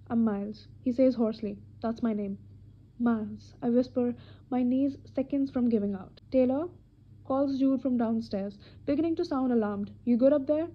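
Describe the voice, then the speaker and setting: A husky, fairly high-voiced woman narrates a romance novel in the first person. It is an amateur reading that now and then repeats a line. The sound is dull and lo-fi, as if from a home mic.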